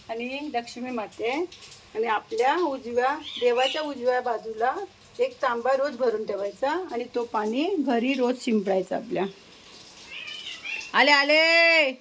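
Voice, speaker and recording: A middle-aged woman talking casually at home in a vlog, often calling out to her pets in a high coaxing voice. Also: a little hiss or hum. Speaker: home vlogger. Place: home indoors.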